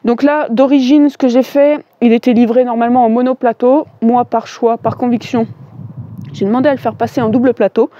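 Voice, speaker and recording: A woman's voice: a little high, fairly even intonation, a little fast, warm tone, highs cut off, slight background noise. A woman giving a chatty, enthusiastic walkthrough of her bikes, with lots of fillers. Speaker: cycling vlogger. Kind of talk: casual bike walkthrough.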